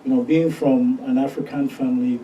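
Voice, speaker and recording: A man from Ghana, a pharmacist guest, telling his story calmly in a podcast interview. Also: mid-range voice, fairly quick. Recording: distant, dull mic with faint noise.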